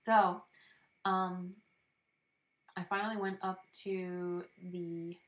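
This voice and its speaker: A woman's voice: fairly low pitch, level tone, drawn-out words, fairly bright tone. Chatty young woman in an echoey room. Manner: candid, chatty, many ums and laughs. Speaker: vlogger telling her birth story. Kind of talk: casual personal storytelling.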